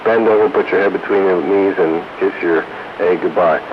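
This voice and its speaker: An amateur radio operator with a very low voice chats casually on a radio round table, speaking in a steady tone at a moderate pace. The two-way transmission is picked up by a receiver, sounding muffled and noisy with clear static.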